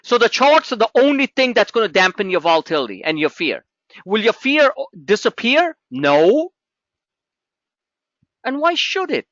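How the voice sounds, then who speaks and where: A middle-aged man hosting a trading webinar, talking in an animated, pushy salesman patter as he walks through charts. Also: high voice, moderate pace, no room sound, dull audio. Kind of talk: live trading webinar talk.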